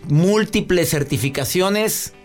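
A man's voice: sits high, lively intonation, slow pace, soft background music. A middle-aged man hosting a podcast interview, chatting in a playful way. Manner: playful, acts out parent quotes. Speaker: podcast host. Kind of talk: casual interview chat.

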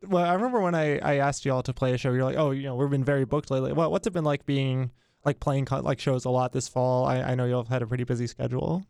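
A man's voice: mid-range voice, fairly even intonation, fast talker, gravelly, a little mellow, dry recording, clean studio sound. A young man hosting a casual interview, friendly, with stumbling restarts. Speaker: interviewer host.

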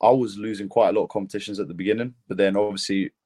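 A man's voice: fairly low pitch, steady tone, racing, dark tone. A young man from Lithuania with a British accent, a fighter telling his story in a casual podcast interview, rambling and laid-back with lots of fillers. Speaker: mixed martial arts fighter, guest.

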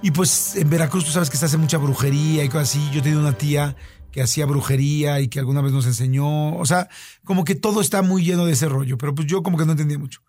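A man with a Mexican accent tells a long personal story in a relaxed podcast chat. He is lively, leans on fillers and repeats himself, and his voice sits slightly high. Faint music plays behind him. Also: quick pace.

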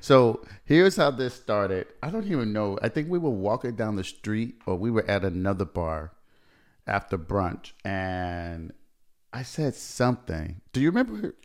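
A man's voice: on the low side, sing-song, unhurried. A young man hosting a casual podcast chat, laid-back and chatty, laughing often as he tells stories. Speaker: podcast host.

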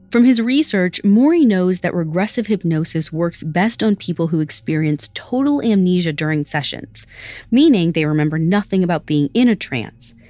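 Woman, podcast storyteller, measured scripted narration, dry close sound. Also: mid-range voice, a little mellow, no echo.

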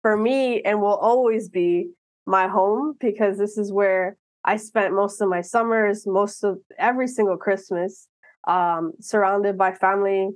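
Earnest, animated woman in her thirties. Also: mid-range voice, unhurried, no room sound. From Miami, United States. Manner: earnest, animated, with frequent restarts and laughs. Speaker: guest. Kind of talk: casual interview conversation.

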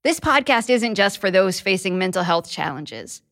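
A woman's voice: medium pitch, expressive, normal speed, fairly bright tone. A woman who hosts a podcast, reading a scripted promotional spot. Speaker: podcast host, therapist.

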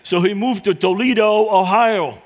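Guest preacher, higher-pitched man, earnest with jokes. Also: moderate pace. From Lebanon. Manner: humorous, storytelling, earnest. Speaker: guest speaker. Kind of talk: church talk to a congregation.

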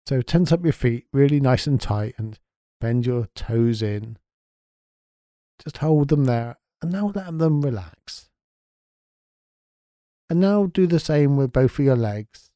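Soft-spoken man, deep mellow tone. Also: clean tone, no echo, clean studio sound. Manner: soft, slow and soothing. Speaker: meditation guide. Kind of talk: guided sleep meditation.

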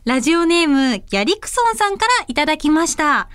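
A woman hosts a late-night radio show in a high, lively voice, chatting casually and reading listener mail. Her talk is bubbly and animated, and she is quick to laugh. She is recorded dry and close on a studio microphone. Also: no room sound. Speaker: radio host and singer.

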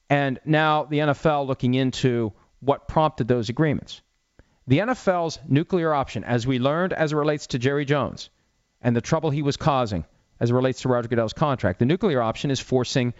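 A man's voice: fairly high pitch, no room sound, lo-fi sound. A middle-aged man hosting a sports talk show, explaining legal matters in a conversational way with wry asides. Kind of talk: casual talk-show commentary.

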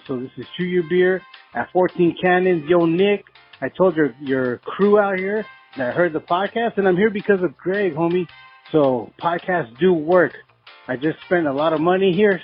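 Male caller from the San Fernando Valley, slangy and easygoing, heard over a dull phone line, slightly higher voice, soft music in the back. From San Fernando Valley, California. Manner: laid-back and slangy, keeps calling the hosts "homie". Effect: heard over a phone line as a recorded voicemail. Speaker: podcast listener leaving a voicemail. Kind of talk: casual voicemail message. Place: brewery taproom.

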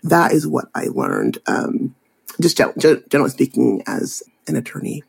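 A woman's voice: rumbling low, normal speed, vocal fry, breathy edge. A young adult woman, a photographer and attorney, chatting animatedly in an interview and acting out little scenes. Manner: animated, chatty, acts out voices in anecdotes. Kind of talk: casual interview storytelling.

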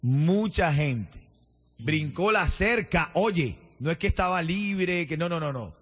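High-voiced Spanish-speaking radio host. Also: male voice, takes it slowly. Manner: animated, repeats words for emphasis. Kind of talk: casual morning radio chat. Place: radio studio.

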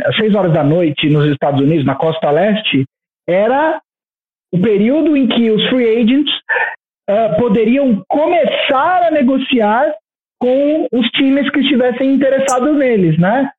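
A Brazilian man co-hosting a podcast, explaining things casually in a halting way over a thin, tinny connection. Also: very high voice. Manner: halting, hesitant delivery. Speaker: podcast co-host. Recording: tinny narrow-band remote connection.

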